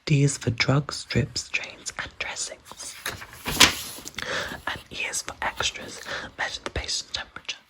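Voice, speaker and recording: Someone reading aloud for ASMR in a breathy, unvoiced whisper, softly repeating words and phrases and adding casual asides. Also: mid-range voice, steady tone, a little slow, long pauses, rough recording. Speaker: ASMR host reading a medical handbook aloud.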